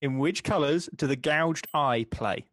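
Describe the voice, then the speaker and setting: A man's voice: fairly high pitch, a little slow, noisy background. An upbeat, wry man running a quiz. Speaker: quiz host on a podcast. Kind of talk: casual chat. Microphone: online call.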